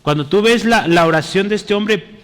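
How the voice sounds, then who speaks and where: A man delivers an interactive sermon, often pausing to ask his listeners whether they follow and calling them brother. His voice sits a little high for a man. It rings with the long reverb of a church hall. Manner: keeps checking in with the congregation, calling them brother. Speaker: preacher.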